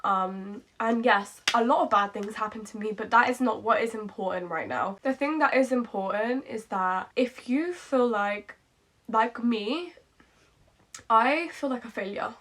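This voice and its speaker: A woman's voice: a little high, unhurried, a bit bright. A woman, talking candidly and rambling in a reflective late-night vlog, repeating herself and saying "like" often. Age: 20s. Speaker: vlogger.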